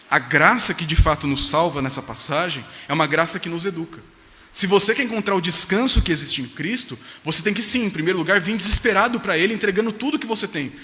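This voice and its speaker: Fast, bright-voiced São pastor preaching. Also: male voice, a little high. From Brazil. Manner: emphatic preaching, rhetorical questions, voices quoted speech. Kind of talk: sermon. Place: church sanctuary. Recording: reverberant church hall.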